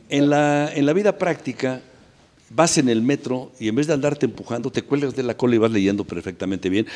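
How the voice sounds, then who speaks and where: Mexican male talk host, lowish voice, playful rambling jokes, studio with a lingering echo. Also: darkish tone. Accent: Mexican Spanish. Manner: playful, rambling, joking musings. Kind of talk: casual studio banter.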